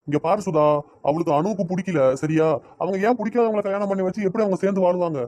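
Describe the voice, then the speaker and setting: A man voicing a fast-arguing cartoon father. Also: high voice, fairly even intonation, darkish tone, no room sound, natural voice. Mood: heated. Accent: Tirunelveli Tamil. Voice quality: scolding, argumentative. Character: stubborn middle-aged father defending his daughter. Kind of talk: cartoon voice acting.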